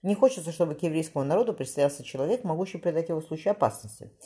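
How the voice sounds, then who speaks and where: A woman reading the part of a cautious elderly rabbi in his eighties who speaks in a measured, testing way. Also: low-pitched, expressive, mellow, pitched above the performer's own voice. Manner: measured, searching for words.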